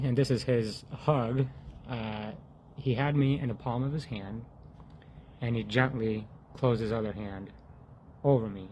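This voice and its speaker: A faith vlogger with a mid-range voice shares an earnest, halting personal testimony, often restarting sentences and dropping to a hush when quoting his prayers. The recording is muffled, with slight background noise.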